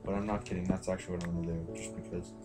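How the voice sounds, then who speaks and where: A man's voice: deep voice, flat delivery, racing. A tired young man giving rambling, self-mocking, casually profane commentary while playing a game. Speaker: gaming channel host. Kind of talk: casual let's-play commentary. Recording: loud background music.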